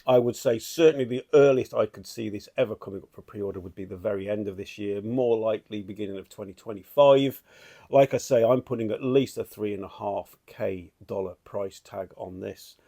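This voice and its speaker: A middle-aged man chatting excitedly in a home vlog, rambling and restarting his sentences as he walks around. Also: lowish voice, fairly quick. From United Kingdom. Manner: enthusiastic, rambling, with many restarts. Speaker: statue collector vlogger. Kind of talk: excited casual vlog chat. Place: at home, walking between rooms.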